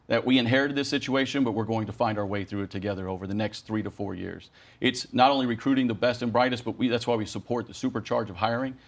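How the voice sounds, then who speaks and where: In a news interview, the president of the air traffic controllers' union makes his case earnestly from a middle pitch range. He strings emphatic, rallying phrases together into long sentences.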